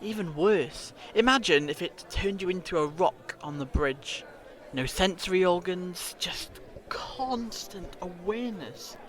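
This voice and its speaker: A man's voice: high-pitched, a bit bright, full character voice. A man playing a clever, theatrical, reassuring alien time traveller in a fan audio drama, explaining things eloquently. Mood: ominous.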